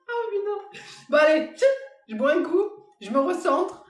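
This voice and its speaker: A woman's voice: extremely high pitch, reverberant. A woman medium giving a casual live-stream reading, talking straight to her viewers. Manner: casual, talks straight to the audience.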